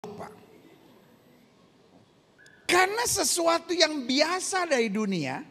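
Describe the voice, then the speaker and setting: A man preaching a sermon, animated, questioning the congregation and acting out voices. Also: extremely high pitch, moderate pace, long reverb tail. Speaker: pastor.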